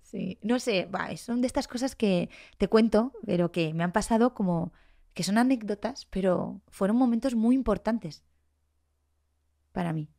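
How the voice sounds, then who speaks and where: A woman's voice: mid-range voice, measured pace, gravelly. A woman in her forties with a Spanish accent from Spain, a podcast guest telling her own story candidly and with feeling, acting out what people said. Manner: emotional, animated, acts out past dialogue.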